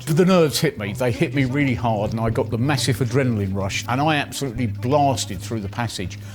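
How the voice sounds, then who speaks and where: A man's voice: medium pitch, a little fast. A man with an English accent recounting his own experience in anecdotal first-person storytelling. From England. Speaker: contestant recounting a speed-talking contest.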